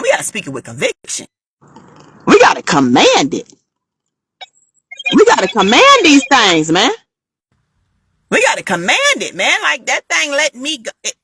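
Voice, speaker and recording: A woman tells a personal faith story straight to her viewers, with a bright, husky voice. Her pitch swoops up and down as she repeats lines for emphasis. The sound is dry and close, with no room echo. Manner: animated, repeats phrases for emphasis, addresses viewers as y'all. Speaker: vlogger sharing a faith testimony. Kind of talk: casual spoken testimony.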